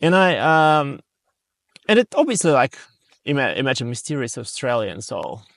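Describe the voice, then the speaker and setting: Russian guy, 30s, thinks out loud with lots of ums, mid pitch, dry close sound. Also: very animated, normal speed, vocal fry, no echo. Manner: reflective, hesitant with frequent fillers. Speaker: podcast guest. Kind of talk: casual conversational storytelling.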